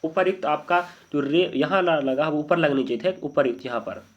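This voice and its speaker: A man's voice: on the high side, normal speed. A man teaching an exam-prep spelling lesson, checking often that his students follow. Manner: repeated checking questions to students. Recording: dull lo-fi audio.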